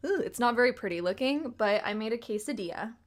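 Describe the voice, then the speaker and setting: A young woman with a fairly high voice hosts a relaxed livestream. She chats in a loose, rambling way, greeting viewers and laughing often. Her voice sounds tired and slightly rough. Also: fast. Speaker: livestream host and tarot reader. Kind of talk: casual livestream chat.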